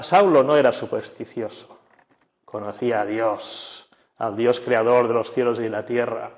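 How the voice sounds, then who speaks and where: A man's voice: mid-range voice, darkish tone, lo-fi sound. A male preacher, giving a conversational sermon full of rhetorical questions. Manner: conversational, dramatizing with quoted voices and rhetorical questions.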